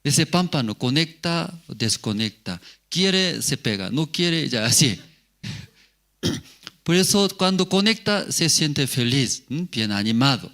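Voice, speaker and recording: A man's voice: medium pitch, very animated, slow, fairly bright tone. A male pastor giving a sermon, asking the congregation rhetorical questions and repeating key words.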